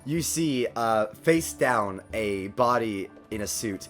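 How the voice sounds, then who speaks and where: A man improvising narration as game master of a tabletop game, often halting to find his words. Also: on the low side, lively intonation, a bit bright, soft background music.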